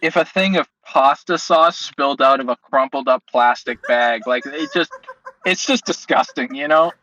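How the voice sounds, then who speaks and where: A man's voice: medium pitch, animated, moderate pace, pushed and bright, muffled recording. A man co-hosting a podcast, calling in from his car, riffing crudely and laughing. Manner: laughing, rambling, vulgar. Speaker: podcast co-host. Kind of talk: crude casual banter.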